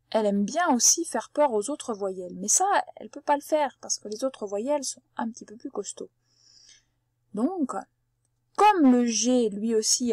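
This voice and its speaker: A woman's voice: on the high side, darkish tone, husky, no echo. A woman teaching a reading lesson to young children, patiently sounding out words syllable by syllable and talking straight to the child. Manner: addresses the child directly as tu. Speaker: primary school teacher.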